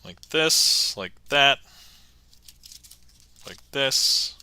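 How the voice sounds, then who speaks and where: A man's voice: medium pitch, animated, very slow, bright, forceful tone, clean tone, poor audio. A man doing casual magic patter on a livestream, chatty and laughing often as he talks through his card moves.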